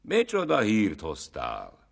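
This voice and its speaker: A man voicing a proud, greedy rich lord in a folk tale, speaking slowly and haughtily. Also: on the low side, wildly swooping pitch, vocal fry, slightly rough, pitched above the performer's own voice, heavily acted. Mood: commanding. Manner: slow, haughty and commanding.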